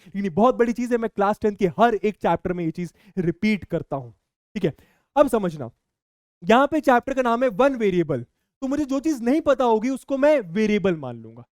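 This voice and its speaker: A young man teaching a maths lesson to students, lively, repeating key points and asking the class questions. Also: very high voice, smooth, no echo, clean studio sound.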